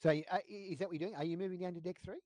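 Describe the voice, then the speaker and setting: A man running a tabletop game as game master, speaking in halting phrases with frequent restarts. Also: high voice, steady tone, a little mellow, no room sound. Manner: halting, many restarts and fillers.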